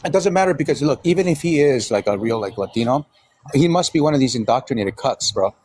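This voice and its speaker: Husky fast-talking man arguing back. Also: mid-range voice, expressive, darkish tone. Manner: argumentative, cuts in with "first of all". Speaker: co-host of a live panel. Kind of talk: heated live discussion.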